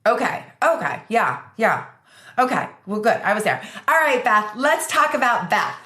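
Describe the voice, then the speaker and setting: A woman's voice: on the high side, sing-song, normal speed, bright, forceful tone. A woman hosting a podcast, chatty and upbeat, rambling a little with restarts as she talks. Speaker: podcast host. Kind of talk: casual podcast chat. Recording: roomy echo.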